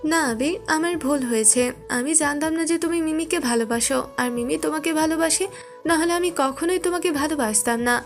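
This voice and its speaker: A woman voicing Nila, a lovesick young woman who apologizes softly, in an audio story. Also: high voice, brisk, faint music behind. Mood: remorseful.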